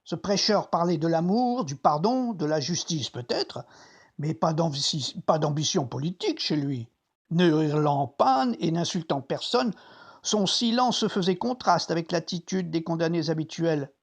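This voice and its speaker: An actor playing a troubled, conscience-stricken Roman centurion, reflecting deliberately in a dramatic biblical monologue as if talking to himself. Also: medium pitch, animated. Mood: solemn recounting. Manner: introspective, deliberate, theatrical.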